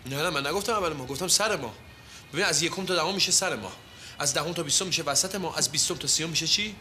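Evasive young tenant, soothing, high-pitched, comedy series, noisy recording. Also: male voice, bright, forceful tone. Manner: evasive, soothing, talks his way out. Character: easygoing young male tenant and nephew. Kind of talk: Persian TV comedy series acting.

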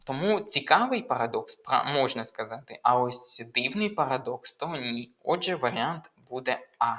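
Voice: mid-range voice, lively intonation, normal speed, fairly bright tone. A language tutor working through exam questions in a methodical, step-by-step way, with frequent hesitations while explaining. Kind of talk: exam walkthrough lesson.

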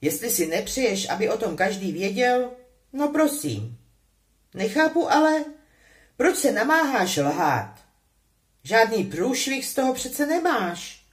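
A woman's voice: fairly high pitch, sing-song, voice pushed up. A woman voicing a sulky, sarcastic teenage boy wizard in a storybook reading, with a forced, mocking tone.

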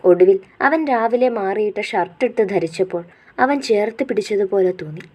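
A woman's voice: medium pitch, normal speed, mellow. A woman with a Malayali accent narrating a romantic story and voicing the lovers' dialogue herself.

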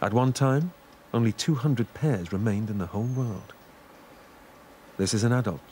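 A man narrating a scripted nature documentary in a measured, informative way. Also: mid-range voice, lively intonation, dark tone, slight background noise.

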